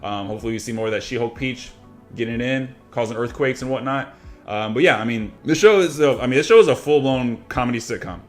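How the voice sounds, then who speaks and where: A man co-hosting a reaction chat, talking quickly and casually, swearing now and then and slipping into quick impressions of characters. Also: medium pitch, faint music behind. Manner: fast, animated, swears casually, mimics characters' lines. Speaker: reaction channel co-host.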